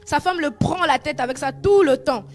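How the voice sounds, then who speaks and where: A woman telling a true story as a moral lesson, animated and full of rhetorical questions. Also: high-pitched, normal speed, soft background music.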